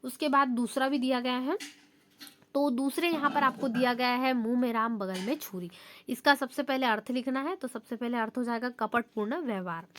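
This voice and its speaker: A young woman teacher going step by step through exam answers and reading sample sentences aloud in a steady, explanatory way. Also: a little high, moderate pace, slight background noise.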